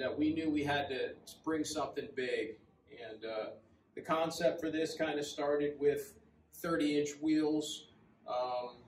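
A man in his forties giving a casual, relaxed walkaround tour of a custom motorcycle, filling pauses with ums and uhs as he talks. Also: medium pitch. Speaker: custom motorcycle builder, shop owner. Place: large indoor motorcycle showroom with metal walls. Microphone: camera several feet away. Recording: roomy echo, distant mic, faint room hum.

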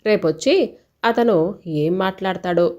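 A woman reading a scripted first-person story in a steady, even storytelling delivery. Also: mid-range voice, a little slow.

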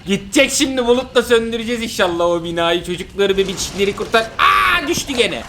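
A young father who hosts a gaming channel runs a casual let's-play in a high, sing-song voice at a quick pace. He reacts with dramatic exclamations and teases a lot while background music plays.

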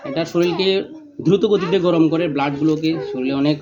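A man filming a vlog outdoors among family, giving brisk directions and repeating religious phrases. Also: a little high, muffled recording, crowd noise. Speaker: vlogger. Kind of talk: casual vlog, instructing helpers.

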